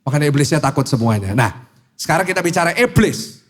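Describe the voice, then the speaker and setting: A man, preaching to a church congregation in an animated, humorous, teasing way. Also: fairly high pitch, fast talker. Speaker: pastor. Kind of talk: sermon. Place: church service.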